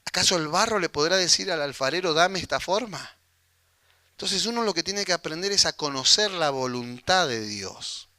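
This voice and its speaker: A man with a Rioplatense Spanish accent preaches a lively sermon, slipping into the voices of the people in his story. His voice sits high and sounds very bright and forward. The recording is dry, with no room echo. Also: normal speed. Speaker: pastor.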